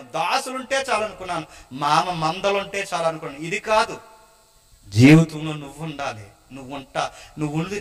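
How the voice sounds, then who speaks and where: Man, preacher, high pitch, bright tone, dramatic sermon, loud then hushed. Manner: dramatic preaching, swinging from loud urging to hushed, tearful-sounding retellings. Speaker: pastor.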